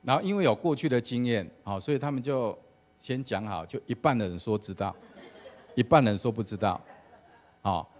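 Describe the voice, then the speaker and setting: A man's voice: medium pitch, lively intonation, brisk. A man, a church elder giving a casual sermon with an anecdote at a prayer meeting. He talks conversationally and often starts phrases with "好" and "哦".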